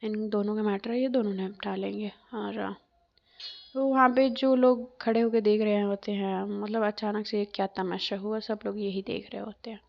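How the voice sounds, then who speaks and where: A woman's voice: medium pitch, steady tone, normal speed, gravelly, highs cut off. A woman narrating a love story casually, hesitant with frequent fillers and self-corrections.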